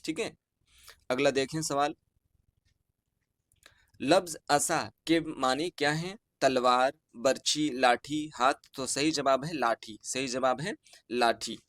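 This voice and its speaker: A man with an Urdu-inflected accent from Bihar works through an exam answer key in an online lesson. He reads each question and its options at a measured pace, then says the answer twice. His voice sits in a middle pitch and sounds dry and close. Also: fairly bright tone, no room sound. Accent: Urdu-inflected Hindustani, Bihar. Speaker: teacher going over exam answers.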